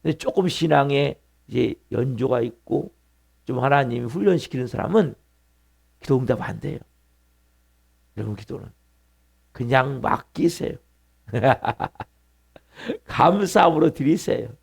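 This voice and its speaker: A man's voice: medium pitch, animated, a little slow, vocal fry, pauses often, slightly rough. A middle-aged man preaching a sermon as pastor of a church, repeating key words and putting questions to the congregation. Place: church sanctuary.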